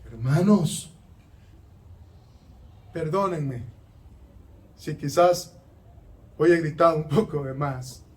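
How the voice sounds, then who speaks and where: A male pastor with a Honduran Spanish accent preaching an animated, emphatic sermon with touches of humor. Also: on the high side, takes it slowly, pauses often, distant mic.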